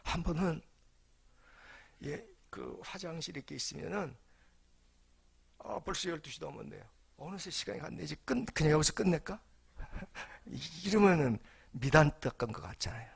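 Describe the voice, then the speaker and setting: Older male senior pastor, husky and gravelly, preaching with humor and rhetorical questions. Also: fairly high pitch, animated, normal speed, long pauses, dry recording. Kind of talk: sermon.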